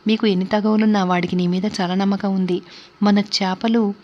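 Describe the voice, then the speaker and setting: A woman voicing a gentle elderly aunt. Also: medium pitch, moderate pace, close to an everyday voice. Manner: soft, soothing, calm. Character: gentle wise elderly aunt, calm and patient. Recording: dull lo-fi recording.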